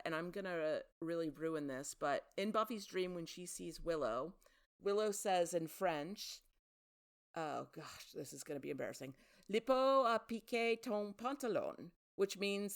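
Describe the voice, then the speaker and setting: A woman hosts a casual podcast, chatting through trivia in a loose, self-deprecating way. Her voice sits on the low side and stays relaxed. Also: clear, resonant tone. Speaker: podcast host.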